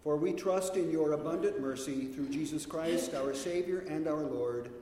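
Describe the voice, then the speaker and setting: Male pastor, mellow and slightly high, solemn liturgy, booming cathedral echo, faint rumble. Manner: measured, solemn. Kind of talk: leading liturgical prayer. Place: large church sanctuary. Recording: echoey church hall, faint rumble.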